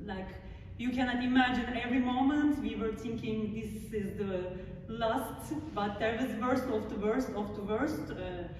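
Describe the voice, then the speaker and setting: A woman with a Turkish accent giving a public lecture in an art gallery, speaking earnestly with many filler sounds and halting phrases. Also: on the high side, darkish tone, slight background noise. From Turkey. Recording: echoey gallery hall from far off.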